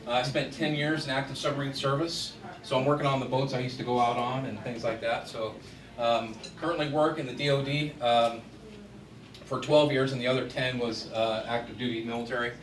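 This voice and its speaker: Fairly even in intonation and a little fast, this middle-aged man from Washington State delivers a chatty business talk as a guest speaker before an audience. His deep voice is full of fillers. Recorded at a distance in an echoey event room, there is faint noise.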